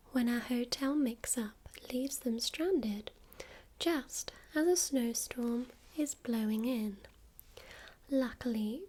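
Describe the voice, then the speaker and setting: A woman in a whispered role-play as a friendly librarian, speaking in a hushed, gentle library whisper close to the microphone. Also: fairly high pitch, husky. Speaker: friendly librarian recommending books.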